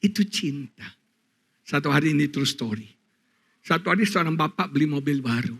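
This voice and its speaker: An Indonesian-accented male pastor delivering a sermon in a high, widely swinging voice. His tone is bright and slightly husky, and he tells stories dramatically, rising to excited peaks and dropping to soft, quiet passages. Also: normal speed. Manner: animated storytelling, addresses congregation as saudara.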